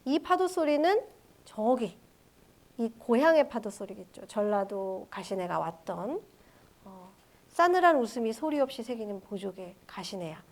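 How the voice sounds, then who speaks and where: A woman's voice: on the high side, very animated, a little slow. A woman giving an online university literature lecture, explaining a poem line by line with rhetorical questions. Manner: reads quoted verse lines aloud.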